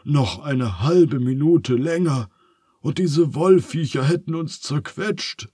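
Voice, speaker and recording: A man's voice: fairly low pitch, expressive, takes it slowly, darkish tone, breathy edge, no echo, studio quality, full character voice. A man voicing Phineas, a sleepless young boy wizard with a whiny, fretful manner. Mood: relieved.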